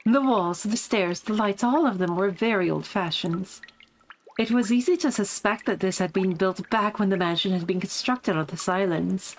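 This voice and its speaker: A woman's voice: mid-range voice, slight background noise, close to an everyday voice, rough recording. A woman reading as a smug posh lady narrator. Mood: tense. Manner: reading game text aloud in a measured narrating voice. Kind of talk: live reading of a visual novel.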